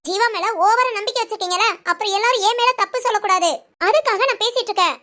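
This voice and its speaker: A performer voicing a bitter, defiant young bride who answers in sharp, curt retorts. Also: very high-pitched, fast talker.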